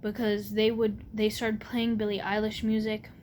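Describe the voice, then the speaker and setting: A young adult woman telling a personal story casually to camera, rambling and halting, her words slightly muffled by a sore, barely opened mouth. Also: monotone, a little mellow. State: sore mouth after wisdom tooth removal. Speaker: vlogger. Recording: clear background noise with low rumble.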